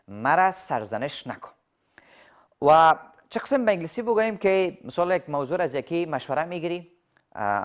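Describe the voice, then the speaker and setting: A man teaching English in a TV lesson, asking viewers questions and repeating examples slowly. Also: on the high side. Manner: quizzes viewers with rhetorical questions.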